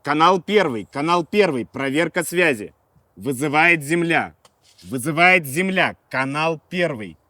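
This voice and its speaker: Army radio operator over walkie-talkie, slow and formal, slightly high voice. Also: male voice, lively intonation, bright, forceful tone, no echo. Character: male soldier radio operator calling on the radio.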